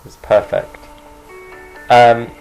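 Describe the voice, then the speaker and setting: A man teaching an online English class over a video call, encouraging his students and repeating words slowly for them. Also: mid-range voice, fairly even intonation, creaky, darkish tone, soft background music, poor audio.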